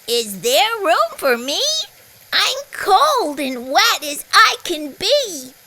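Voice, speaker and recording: Woman doing a high, plaintive little pig. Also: very animated, takes it slowly, background noise, full character voice. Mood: pleading. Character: small, cold, sleepy storybook pig.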